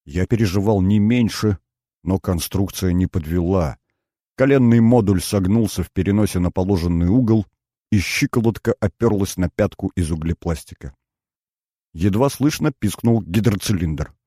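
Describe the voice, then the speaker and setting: A man narrating a novel in the first person, reading in a measured storytelling manner. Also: low-pitched, dark tone, no echo, studio quality. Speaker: audiobook narrator.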